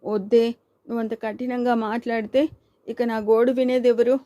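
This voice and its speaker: A woman's voice: fairly high pitch, level tone, normal speed, dark tone, no room sound, close to an everyday voice. A woman voicing Devika, a timid and tearful young woman in love, pleading and despairing in an audiobook reading.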